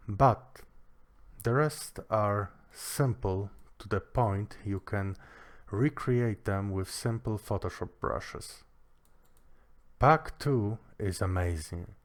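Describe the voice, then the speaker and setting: A man giving a casual product review, with a dry, joking manner. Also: fairly low pitch.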